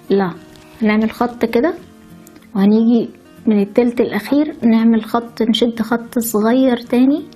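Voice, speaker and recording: In her lesson on writing letters, a language teacher with an Egyptian Arabic accent explains step by step and cheerfully adds chatty asides. Her voice is a little high and mellow, with a breathy edge.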